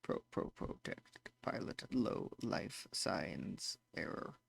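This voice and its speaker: A man's voice: low-pitched, lively intonation, takes it slowly, creaky, slightly rough, pitched below the performer's own voice, exaggerated voice. A man voicing a damaged robot that glitches, stutters and repeats words in clipped machine phrasing. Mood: glitching monotone. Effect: glitching robot voice, words breaking and repeating.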